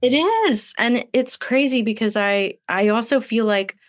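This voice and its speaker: A woman's voice: fairly high pitch, steady tone, unhurried. A woman in her thirties from Texas, a singer-songwriter guest talking casually, rambling and full of fillers. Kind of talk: casual interview chat.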